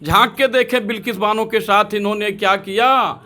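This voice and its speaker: High-voiced, forceful indignant advocate man. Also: steady tone. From Uttar Pradesh. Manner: indignant, rapid-fire accusations. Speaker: senior advocate. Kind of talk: street interview answer.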